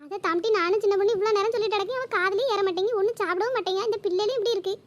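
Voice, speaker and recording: A woman voicing a caring elder sister-figure in a cartoon, who coaxes and scolds with a very high, squeaky voice. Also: very fast, slight background noise. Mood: coaxing, fussing. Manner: fussing, coaxing, motherly scolding. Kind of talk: cartoon voice acting.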